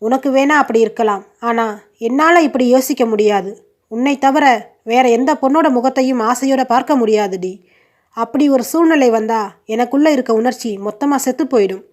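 A woman's voice: fairly high pitch, normal speed, close to an everyday voice. A woman voicing a young man in love, who talks in a persuasive, lightly teasing way. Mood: earnest.

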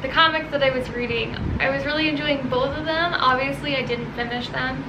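A woman's voice: high-pitched, fairly quick. A young adult American woman chatting casually and informally to her vlog viewers, recorded indoors at home. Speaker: vlogger. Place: small bedroom and home kitchen, indoors. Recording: steady fan noise behind home recording. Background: whirring room fan.

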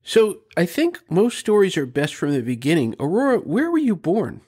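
A man's voice: high-pitched, very animated, moderate pace, darkish tone, slightly rough. A man hosting an interview, asking curious questions. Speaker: podcast host.

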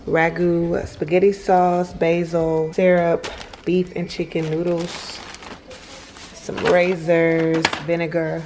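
A woman's voice: deep voice, background noise. A young woman vlogging casually at home, chatting as she unpacks and lists her groceries. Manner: chatty, unhurried, listing items aloud. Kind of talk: casual vlog narration. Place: large bare-walled house indoors. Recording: echoey room, mic at a distance.

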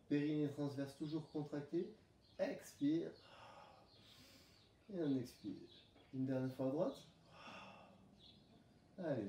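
Man pilates instructor, very mellow dark voice, roomy echo, mic at a distance, breath cues. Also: medium pitch, slight background noise. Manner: calm coaching cues, breath counting. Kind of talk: guided workout instruction. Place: room at home.

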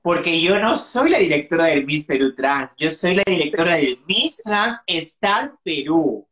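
A woman's voice: sits low, expressive, measured pace, fairly bright tone. Woman, live-stream host, teasing, dramatic, laughs easily, video call sound. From Peru. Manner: giggly, teasing, dramatic exclamations. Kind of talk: casual live-stream interview.

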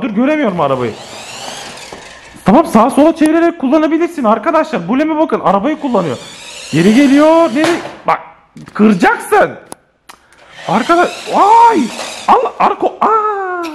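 A man filming a casual family vlog at home, talking excitedly and exclaiming to his viewers. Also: very high-pitched, normal speed, long pauses, a little hiss or hum. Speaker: family vlogger. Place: home living room with a sofa. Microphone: handheld camera.

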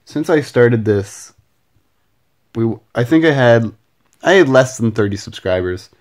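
A man's voice: medium pitch, lively intonation, a little slow. A man talking casually to his camera late at night in a rambling way, full of fillers and self-deprecating asides. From Canada. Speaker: vlogger. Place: home at night. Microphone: camera mic.

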